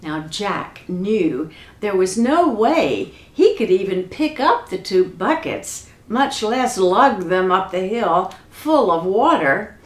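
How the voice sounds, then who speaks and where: Slow-reading woman storyteller, echoey room. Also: mid-range voice, big pitch swings. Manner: unhurried folksy reading. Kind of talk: storybook narration.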